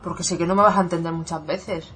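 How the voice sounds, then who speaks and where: A speaker from Aragon, Spain, chiming in with quick remarks in a casual chat. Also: mid-range voice, flat delivery, a bit bright. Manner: quick interjections.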